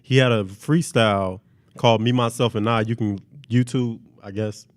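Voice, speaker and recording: A man's voice: fairly low pitch, steady tone, moderate pace, no echo. A man hosting a podcast, chatting casually with friends. His talk is playful and slangy, with a hammy storytelling streak. The sound is dry and close, with no room around it. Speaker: podcast host. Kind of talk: casual chat.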